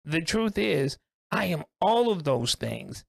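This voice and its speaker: A man co-hosting a podcast discussion, talking earnestly and reflectively in deliberate, emphatic phrases. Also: fairly high pitch, very animated, gravelly, dry recording, clean studio sound. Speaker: co-host.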